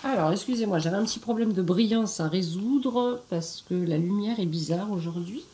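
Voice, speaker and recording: A woman's voice: medium pitch, normal speed, warm tone, slight background noise. A woman reading a fairy tale aloud to children, standing, with chatty asides to her young listeners. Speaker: storyteller. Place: indoors at home, standing.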